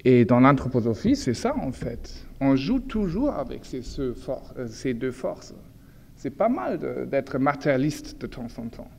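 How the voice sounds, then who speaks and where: In a reverberant hall with slight background noise, a man with a mid-range voice gives an informal lecture. He is a native German speaker with a German accent in his French. He speaks haltingly, searching for words and correcting himself as he explains. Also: mid-range voice, very animated, gravelly, a little mellow.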